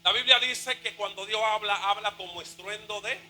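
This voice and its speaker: A male pastor preaching a fervent sermon, shouting and half-singing his phrases. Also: high-pitched, moderate pace, poor audio.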